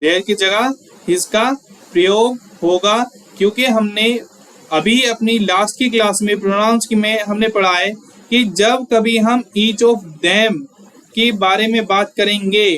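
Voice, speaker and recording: A man's voice: sits high, a bit bright, rough recording. A man teaching an exam-prep grammar lesson, explaining step by step, asking viewers questions and reading example sentences word by word.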